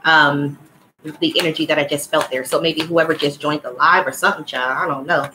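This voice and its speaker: Brief: a woman with a lowish voice doing a casual, profane spiritual card reading for a live audience. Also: steady tone, a little fast, background noise. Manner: casual, blunt, swears freely; calls listeners child and y'all. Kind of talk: livestream oracle card reading.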